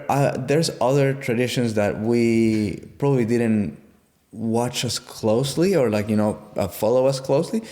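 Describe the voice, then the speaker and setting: A young man from Guatemala, reflecting on his upbringing in a casual interview, with pauses and restarts. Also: fairly low pitch, dark tone. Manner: reflective, halting, with fillers and restarts. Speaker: interview guest.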